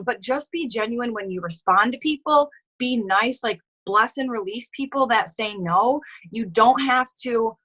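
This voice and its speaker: Bright, upbeat woman giving motivational tips. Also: fairly high pitch, low-quality recording. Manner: upbeat, informal, peppered with "like". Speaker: team coach giving tips. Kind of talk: motivational talk on a team call.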